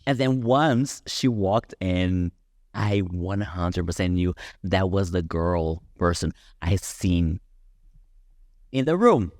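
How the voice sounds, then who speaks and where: A man with a Swiss accent co-hosts a drag queen podcast, casually chatting through a review of a show, telling stories and calling viewers "you guys." His deep voice is expressive, a little mellow, and unhurried. The sound is studio quality with no echo.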